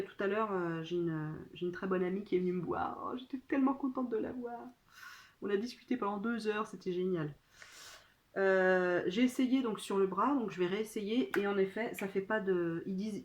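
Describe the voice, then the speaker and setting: A woman chatting casually to her phone during an unboxing, talking in a hesitant way full of fillers. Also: medium pitch. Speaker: vlogger. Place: at home.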